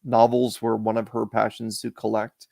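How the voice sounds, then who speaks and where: A man's voice: on the low side, completely flat delivery, moderate pace, gravelly, dark tone, no echo, studio quality. A Canadian man, a guest on a live stream, chatting casually and rambling with repeated starts. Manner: rambling, repeats and restarts words.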